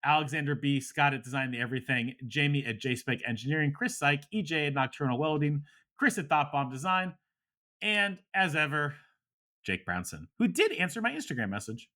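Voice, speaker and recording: A man's voice: fairly high pitch, lively intonation, brisk, pushed and bright. A man co-hosting a podcast in casual chat, laid-back, laughing often and trailing off with fillers. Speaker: podcast co-host.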